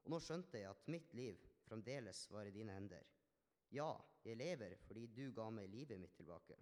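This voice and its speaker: A man's voice: on the low side, expressive, darkish tone, lightly acted. A man playing a healed Samaritan leper, earnest, in a ringing hall. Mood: grateful. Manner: earnest, reflective storytelling with small restarts. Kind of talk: dramatic first-person monologue. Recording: long hall reverb.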